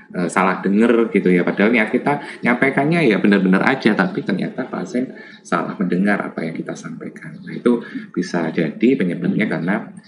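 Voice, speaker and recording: A very deep-voiced man talks through a lecture in a relaxed, chatty way, dotting his points with little fillers and tag questions. There is a noticeable noise bed under the voice. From Java, Indonesia. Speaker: lecturer on lab communication. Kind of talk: informal lecture.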